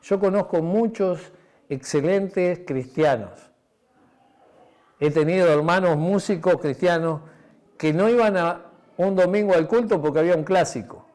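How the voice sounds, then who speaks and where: Speaking unhurriedly in a high voice, a pastor with a Uruguayan Spanish accent preaches a sermon built around a personal story. He acts out dialogue, uses frequent tag questions, and lowers to a quiet, intimate tone near the end.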